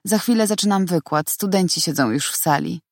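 A woman reading the lines of a cold, detached young man, a lecturer, in a flat, firm and icy way. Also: high-pitched, brisk, vocal fry, dry recording, clean studio sound. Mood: hurried. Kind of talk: audiobook character reading.

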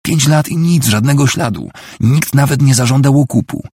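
A man reading the part of a grieving, desperate wife who pleads and shouts at her husband. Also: on the low side, lively intonation, moderate pace, creaky, husky, no echo, clean studio sound, heavily acted. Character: desperate grieving wife, middle-aged woman.

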